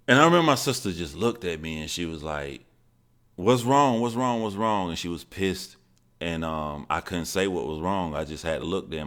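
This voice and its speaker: A man, telling a personal story in a candid, halting, earnest way. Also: extremely low pitch, fairly bright tone. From Georgia, USA. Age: 40s.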